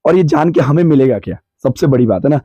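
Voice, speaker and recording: A hoarse man with a sore throat speaks in a very dark, mellow tone, reasoning slowly through both sides of a question. His voice comes across dry and a little dull, like a lo-fi podcast recording. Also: fairly high pitch, lively intonation, no room sound. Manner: measured, explanatory, weighs both sides. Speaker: podcast guest answering questions. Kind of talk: reflective podcast discussion. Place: cold hill town, bundled up.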